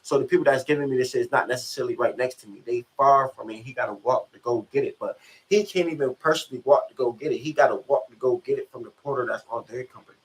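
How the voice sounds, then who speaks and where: A man's voice: mid-range voice, fast, rough recording. A young man spins a casual story in loose street slang, cursing freely. He keeps checking in with his listener to make sure they follow. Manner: slangy, profane, keeps asking if you follow. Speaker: rapper and channel host.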